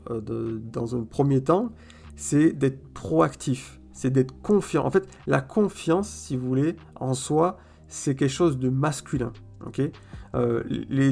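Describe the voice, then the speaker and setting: A man vlogging a casual opinion monologue straight to his viewers, colloquial, stumbling over repeated words and filling pauses with "euh", checking in with "ok?". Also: medium pitch, creaky. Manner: addresses viewers directly, "si vous voulez", "ok?".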